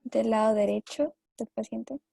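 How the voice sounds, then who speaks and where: A woman student answering her teacher in brief, hesitant bits. Her voice is gravelly and mellow and sits fairly high. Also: unhurried.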